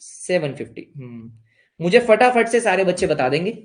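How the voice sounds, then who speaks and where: A man's voice: high-pitched, big pitch swings, moderate pace. A young man with an Indian accent teaching an accounts lesson, playfully asking questions and answering them himself as a student would. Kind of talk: online class lesson.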